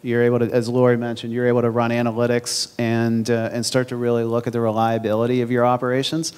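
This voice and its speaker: A man in his forties speaking on a conference panel into a handheld mic, in a businesslike, even manner. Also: medium pitch, fast talker, clean tone. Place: large conference hall stage. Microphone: handheld microphone.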